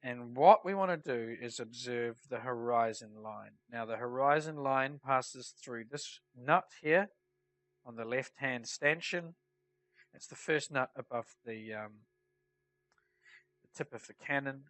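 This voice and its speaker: A man whose head cold leaves his voice nasal and congested narrates a flight simulator tutorial as he plays, giving casual explanatory commentary. His mid-range voice is fairly bright, at a measured pace, in a dry recording.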